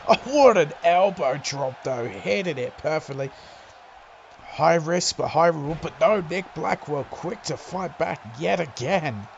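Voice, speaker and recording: A man doing excitable play-by-play wrestling commentary, breaking into loud exclamations. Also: fairly high pitch, measured pace, creaky, highs cut off, slight background noise.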